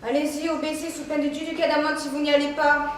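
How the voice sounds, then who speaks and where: A woman's voice: high voice, level tone, quick pace, slight background noise, lightly acted. A teenage girl playing a stiff, formal male court bailiff in a school stage play, speaking officiously. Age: teens. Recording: echoey hall from far off.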